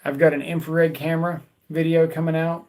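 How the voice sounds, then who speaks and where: A man's voice: fairly high pitch, level tone, brisk, a little mellow, poor audio. Chatty man hosting a tool livestream. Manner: rambling, repeats words, talks to viewers as "guys" and "dude". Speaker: YouTube tool channel host. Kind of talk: casual livestream chat.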